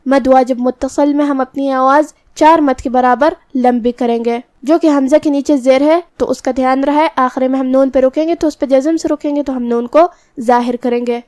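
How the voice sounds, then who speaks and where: A woman teaches Quran recitation rules, going through each letter and sound step by step. Her voice is high and smooth. She is recorded close and dry, with no room sound. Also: steady tone, darkish tone, dry recording. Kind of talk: tajweed lesson with slow recitation.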